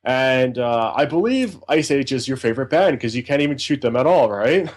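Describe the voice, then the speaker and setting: A man's voice: mid-range voice, lively intonation, moderate pace. A man co-hosting a casual podcast, reviewing albums in a rambling, enthusiastic way. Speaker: podcast co-host, music reviewer.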